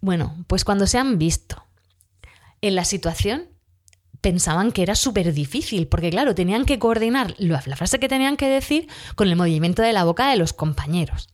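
A woman's voice: mid-range voice, expressive, moderate pace. Woman teacher, mid-range voice, slight cough, loose chatty delivery with frequent self-corrections. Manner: chatty, often restarts and corrects herself. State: has a cough. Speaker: school teacher. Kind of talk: casual spoken account of a class.

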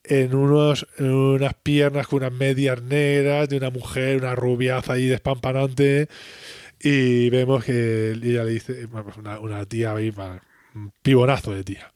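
A man's voice: mid-range voice, clear, resonant tone, no echo, clean studio sound. A man, retelling a sitcom episode in casual chat and acting out the characters' lines. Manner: animated storyteller, acts out characters' lines in quick voices. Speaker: podcast host recapping a sitcom episode.

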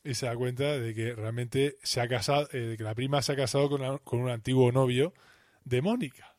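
A man from co-hosts a casual podcast, retelling scenes with lively acted-out bits. His pitch sits in the middle for a man. The sound is close and dry. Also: a little fast, no room sound. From Spain. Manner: animated retelling with acted-out quotes. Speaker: podcast co-host.

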